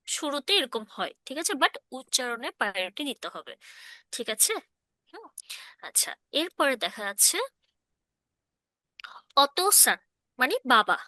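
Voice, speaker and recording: A woman teaches a relaxed online language class, checking often that her listeners keep up. Her voice sits high and sounds bright and clear. The recording is close and dry. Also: no room sound. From Bangladesh. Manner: explains patiently, often checking understanding. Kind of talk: casual online class explanation.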